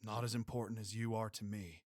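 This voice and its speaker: A man's voice: fairly low pitch, little pitch movement, brisk, dry recording, lightly acted. A young cowboy, tender and lightly teasing, his voice a bit raised from the plain read, as a male narrator does him. Close and dry, with no room sound. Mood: moved.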